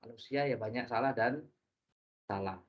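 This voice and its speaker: A man teaching a religious class, lively and joking, often putting questions to his listeners. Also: mid-range voice, moderate pace. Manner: lively, jokey, asks the audience questions. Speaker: preacher. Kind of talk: interactive religious lesson. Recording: dull lo-fi recording.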